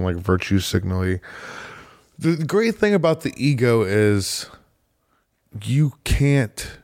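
A man's voice: fairly low pitch, darkish tone, no echo. Dry-sounding man, rambling comedian guest. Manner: rambling, restarts often, swears casually. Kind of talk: casual conversation.

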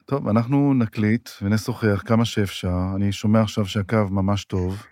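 A man's voice: fairly low pitch, fairly even intonation, darkish tone, no room sound, clean studio sound. A man with an Israeli accent, speaking as a podcast host who introduces and interviews.

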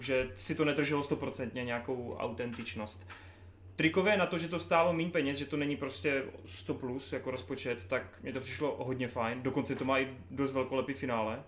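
A man co-hosting a casual podcast chat, laughing loudly and swearing casually. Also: mid-range voice. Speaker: podcast co-host. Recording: roomy echo with faint noise.

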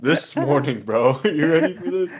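A man's voice: fairly high pitch, animated, normal speed, breathy edge. A man in his twenties chatting casually with a friend at home, laid-back, swearing often and laughing a lot. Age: 20s. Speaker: podcast co-host. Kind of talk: casual chat. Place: home, eating pizza.

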